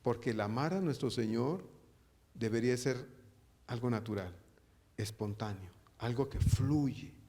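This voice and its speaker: A pastor with a medium-pitched, slightly mellow voice preaches a sermon in church, throwing rhetorical questions at the congregation. He uses frequent tag questions and calls his listeners brother, with a little hiss or hum in the audio.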